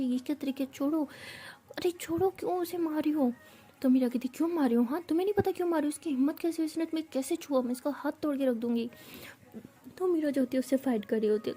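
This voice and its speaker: A woman tells a romance story in a casual, chatty way, voicing each character as she goes. Her voice is mellow and a little husky, sitting slightly high for a woman. She slips into soft whispers for the tender moments. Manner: retells a romance, acting out each character's lines. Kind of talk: casual spoken storytelling with acted dialogue.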